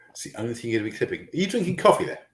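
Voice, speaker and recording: A man co-hosting a casual football podcast who talks at a rapid clip. His voice is mid-pitched for a man, and he keeps up a teasing, needling banter with the odd swear. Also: very animated, pushed and bright. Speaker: podcast co-host.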